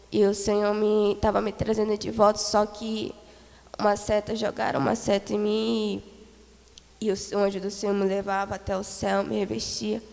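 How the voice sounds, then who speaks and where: A Brazilian woman, a church member with a Brazilian Portuguese accent, gives a spoken testimony of a vision, telling it earnestly and repetitively with many fillers. Her voice is a little gravelly and her pitch stays flat. She speaks in a church hall with a long echo and faint background hiss.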